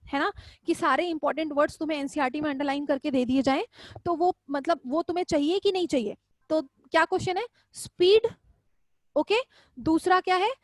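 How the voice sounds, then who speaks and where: A woman with a high, bright-pitched voice teaches zoology in a live online class. She talks in a chatty, affectionate way and keeps repeating questions back to her students. The sound is dry and close, with no room around it. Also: fairly quick, no echo. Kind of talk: live online class, casual Hindi lecturing.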